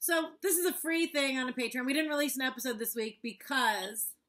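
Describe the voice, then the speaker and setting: Woman podcast co-host, high and bright, chatty and laughing, casual home laptop chat. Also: brisk. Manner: chatty, laughs often, swears.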